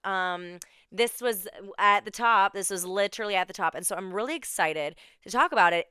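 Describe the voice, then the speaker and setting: A woman's voice: fairly low pitch, sharp tone, clean tone, no echo, clean studio sound. A woman in her twenties from Minnesota hosting her own podcast in bubbly, chatty talk, repeating words for emphasis. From Minnesota, USA. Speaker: podcast host. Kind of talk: casual solo podcast chat.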